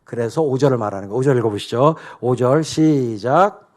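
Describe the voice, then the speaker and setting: A male pastor preaching a sermon in an animated, conversational way, with frequent rhetorical questions to the congregation. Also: medium pitch, fairly quick.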